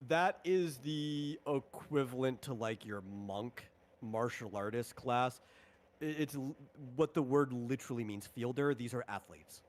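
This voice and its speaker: Speaking at medium pitch, the host of a tabletop game walks through its rules in a relaxed manner. He halts often and keeps rewording his explanations.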